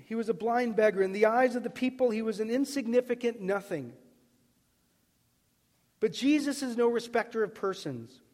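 A man preaching a sermon as a pastor, emphatic and repetitive, swinging between loud cries and soft, hushed lines. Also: extremely high pitch, expressive, normal speed. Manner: emphatic, repeats words, builds to loud cries then drops soft. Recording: long reverb of a hall.

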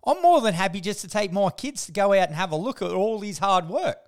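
A man's voice: sits high, lively intonation, brisk. An Australian man hosting a casual comedic podcast with slangy, sweary, blokey tradesman banter. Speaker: podcast host.

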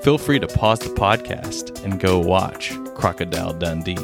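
A man co-hosting a casual movie podcast, playfully reading out summaries and fun facts with quick asides. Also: sits low, gravelly, music in the background. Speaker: podcast co-host.

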